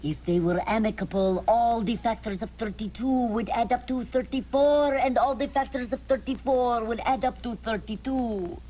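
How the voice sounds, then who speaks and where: An actress playing a bossy, theatrical fortune teller with commanding, mystical certainty in a comedy sketch. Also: female voice, fairly high pitch, fairly even intonation, normal speed, few pauses, mellow, lightly acted, low-quality recording. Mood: brisk, certain. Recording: music behind the voice.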